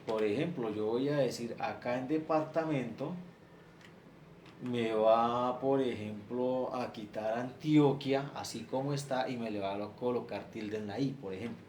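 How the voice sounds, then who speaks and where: A man's voice: medium pitch, unhurried, a little mellow. A male teacher, explaining a spreadsheet lesson step by step and stacking example after example. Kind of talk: screen-share class lecture. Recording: echoey room, faint ambient noise.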